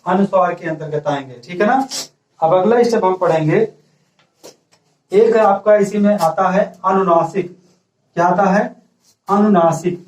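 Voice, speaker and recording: Male teacher, high-pitched, recorded far off in a roomy space, steady dictating classroom delivery. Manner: repeats "ठीक है" and asks students questions he answers himself; dictates slowly for note-taking. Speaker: school teacher. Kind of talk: classroom grammar lesson. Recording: echoey room, voice from far off the mic.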